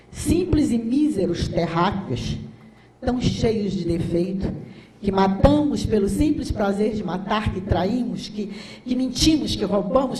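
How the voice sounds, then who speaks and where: A woman's voice: on the high side, dark tone. A Brazilian woman in her sixties giving an impassioned, rhetorical conference lecture with a Brazilian Portuguese accent. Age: 60s. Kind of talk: conference talk. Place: lecture hall. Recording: echoey hall recording.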